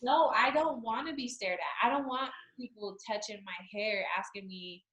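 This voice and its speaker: A woman's voice: fairly high pitch, expressive, moderate pace, fairly bright tone, roomy sound, lo-fi sound. A woman from Utah, an author, talking candidly and reflectively in an interview, often saying "you know.". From Utah, United States. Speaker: author and guest. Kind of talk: conversational interview.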